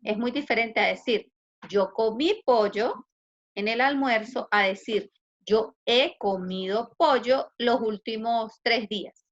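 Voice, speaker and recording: A woman's voice: on the high side, slow. Woman, Chilean Spanish accent, patient English teacher, online class, questions to students, dull call sound. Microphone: video call. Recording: muffled video call audio.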